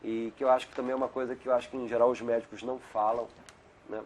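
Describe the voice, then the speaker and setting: A man's voice: medium pitch, little pitch movement, very fast, darkish tone, slight background noise. A middle-aged male doctor talking as an interview guest in a casual, digressive way, often tagging "né?". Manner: chatty, digressive, frequent "né?" tags. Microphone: video call.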